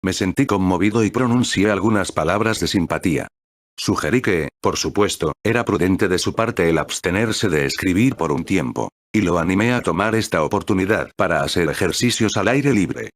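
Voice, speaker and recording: A man reading a classic story aloud in measured, steady narration. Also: deep voice.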